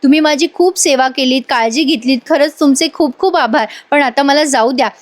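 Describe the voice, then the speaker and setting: Upset young man, read by a woman, insistent, high voice. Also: fairly quick, natural voice.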